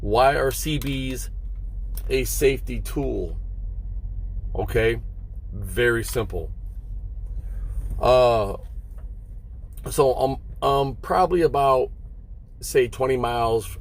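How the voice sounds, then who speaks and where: A long-haul trucker sits in his parked truck cab, talking to viewers in a casual, halting way as he explains things and checks in with short questions. His voice is medium in pitch, with vehicle noise behind it.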